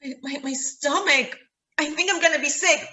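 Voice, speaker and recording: A woman plays a whiny young woman with a very high, piercing voice, always complaining. She is a character in a stage play. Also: moderate pace, bright, forceful tone.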